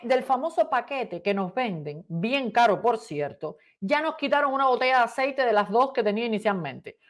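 Woman host, higher voice, reads a letter aloud with heavy indignant emphasis. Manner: indignant, dramatic reading with emphatic stresses. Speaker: talk show host.

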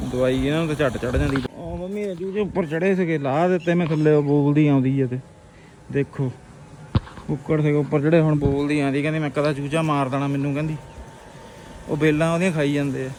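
A man's voice: on the high side, steady tone, brisk, noisy background. A man with a Punjabi accent chatting casually to camera as a village vlogger outdoors on a family farm, teasing his family and calling out to them. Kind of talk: casual farm vlog chat.

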